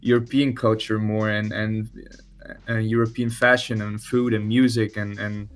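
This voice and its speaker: A young Belgian man with a Belgian Dutch-speaking accent, a guest musician on a casual podcast interview, speaks in a lowish, flat voice at normal speed with faint music behind him. His talk is casual and hesitant, full of fillers and restarts.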